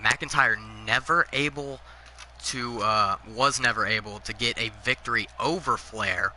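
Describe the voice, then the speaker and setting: A man's voice: mid-range voice, unhurried, sharp tone, a little hiss or hum. A young man casually commentating over a wrestling video game, joking and rambling, often restarting his sentences. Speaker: gaming commentator. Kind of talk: casual chat over gameplay.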